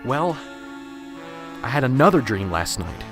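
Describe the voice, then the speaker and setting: In an amateur radio drama with music playing underneath, a man acts the part of a nervous, unsure professor, stammering and hesitating. His mid-range voice is very animated, and he speaks a little slowly.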